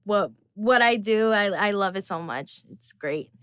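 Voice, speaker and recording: A woman's voice: medium pitch, expressive, measured pace, a bit bright, clean tone, dry recording, studio quality. A young woman from Brazil, a singer chatting as an interview guest in a bubbly, rambling way with many fillers. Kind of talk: casual interview chat.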